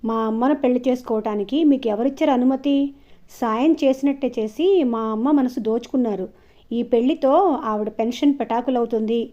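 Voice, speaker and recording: A woman's voice: on the high side, lo-fi sound, lightly acted. Accusing angry young man, voiced by a woman. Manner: shouting accusations, threatening.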